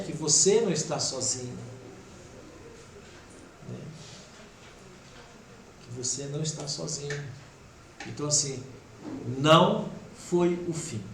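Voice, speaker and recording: Emotional man preaching in an echoey hall. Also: fairly high pitch. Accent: Brazilian Portuguese. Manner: emotional, swings between loud urging and soft near-whisper. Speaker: spiritist lecturer. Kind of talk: devotional talk. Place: spiritist center hall. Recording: echoey hall with faint background noise.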